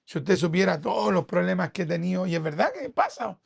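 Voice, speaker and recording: A Chilean man preaching to a congregation, his voice rough with gravel. He keeps it conversational and checks in with his listeners through question after question. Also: sits high, lively intonation, fairly quick. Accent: Chilean Spanish. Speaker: pastor. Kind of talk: sermon.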